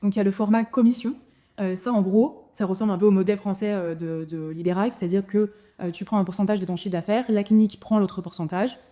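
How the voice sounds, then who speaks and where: Her mid-range voice is mellow and steady though she talks fast. A dentist in her thirties whose native tongue is French, she casually recounts her expat move to camera, restarting often and using many fillers.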